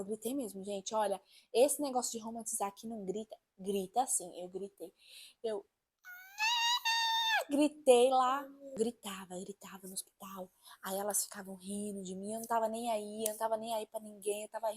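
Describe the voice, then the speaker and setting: A woman's voice: mid-range voice, a little mellow, slightly rough, rough recording. A woman with a Brazilian accent telling viewers a personal story in a chatty, emphatic vlog style, full of fillers. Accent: Brazilian Portuguese. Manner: chatty, emphatic, lots of fillers like "tipo assim" and "gente". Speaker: vlogger.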